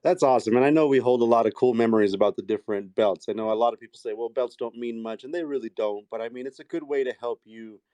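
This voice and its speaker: A man hosting a casual interview, encouraging his guest with quick, affirming replies. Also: mid-range voice, dark tone, clear, resonant tone, no room sound. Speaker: podcast host.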